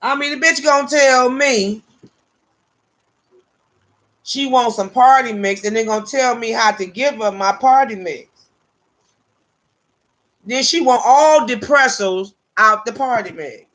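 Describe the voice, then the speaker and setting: A woman's voice: a little high, unhurried, long pauses. A woman casually telling a personal story, profane and laughing often between lines. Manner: animated, with vernacular grammar.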